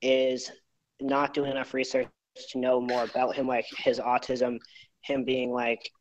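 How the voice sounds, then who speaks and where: A man's voice: medium pitch, monotone, a little slow, slight background noise. A man speaking earnestly in a rambling way, with many fillers, his voice echoing around a home garage. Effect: echoey garage sound. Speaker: YouTuber. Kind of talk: group apology video. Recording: dull lo-fi echoey garage.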